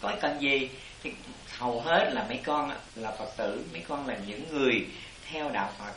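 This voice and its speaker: A man's voice: medium pitch, normal speed, bright, forceful tone, roomy sound, slight background noise, rough recording. A man teaching as a Buddhist master, explaining to his disciples in a rambling, repetitive way. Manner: rambling explanations, repeats "it" constantly. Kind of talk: dharma talk answering disciples.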